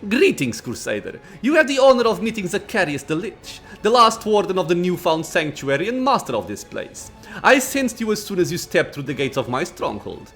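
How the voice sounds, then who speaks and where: A man's voice: high voice, big pitch swings, moderate pace, a bit bright, soft background music, heavily acted. A man voicing an ancient undead lich master from a fantasy game, lordly and impatient, speaking in formal, archaic phrases. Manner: imperious, archaic formal speech. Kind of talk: acted reading of fantasy game dialogue.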